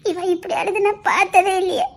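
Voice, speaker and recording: A woman acting a caring, playful young sister-in-law in an audio drama, soft, coaxing and affectionate. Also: very high voice, fairly even intonation, fairly quick. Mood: soothing.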